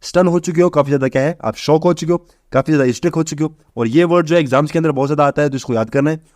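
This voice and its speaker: Young guy rattling thru a vocab lesson super fast, kinda high voice, dry close sound. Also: darkish tone, dry recording. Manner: brisk, repetitive, asks and answers his own questions. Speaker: vocabulary teacher. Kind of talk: exam-prep vocabulary lesson.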